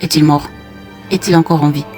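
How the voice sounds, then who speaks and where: A solemn storyteller telling a dark folk tale and turning to the listeners directly. The voice sits at an ordinary middle pitch. Faint music runs throughout. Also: fairly even intonation, brisk. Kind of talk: dramatic folk-tale narration.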